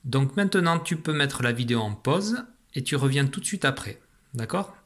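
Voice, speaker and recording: A man teaching a remote lesson to young children, patient and slow, repeating syllables for a dictation. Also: mid-range voice, expressive. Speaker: primary school teacher.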